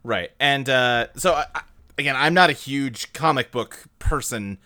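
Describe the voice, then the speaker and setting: Male podcast co-host, animated and rambling, with a sharp, clean tone. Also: medium pitch, unhurried. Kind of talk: casual movie discussion.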